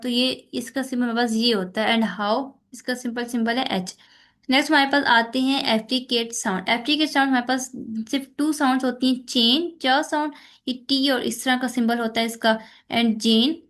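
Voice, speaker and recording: A woman's voice: on the high side, fairly bright tone. A woman with a Pakistani accent giving an exam-focused lecture, mixing English terms into her speech with frequent fillers. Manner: mixes English terms into Urdu, many fillers. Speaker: teacher.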